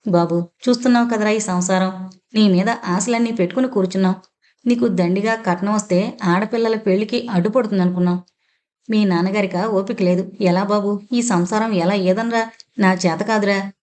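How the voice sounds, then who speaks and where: A woman's voice: mid-range voice, steady tone, normal speed, a little mellow, lightly acted. A woman reading the part of a tearful, scolding middle-aged village mother who reproaches her son, in an audiobook novel. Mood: pleading. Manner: reproachful, pleading.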